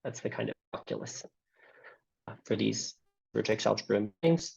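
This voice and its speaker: Hesitant American man lecturing, gravelly. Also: on the low side, huge pitch swings, brisk, a little mellow, dull audio. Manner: hesitant, many fillers and restarts. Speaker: seminar speaker. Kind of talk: academic math lecture.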